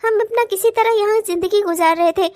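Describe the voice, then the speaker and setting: A woman's voice: very high voice, a little fast, darkish tone, dry recording. A woman voicing a fed-up young working wife who scolds sharply in a cartoon comedy. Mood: upset. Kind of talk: cartoon voice acting.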